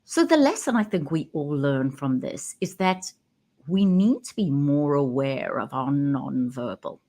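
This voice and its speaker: Woman, communication coach, low voice, emphatic, pauses for effect. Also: expressive, dark tone. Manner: emphatic, stresses key words with pauses. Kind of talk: direct-to-camera talk. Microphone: webcam.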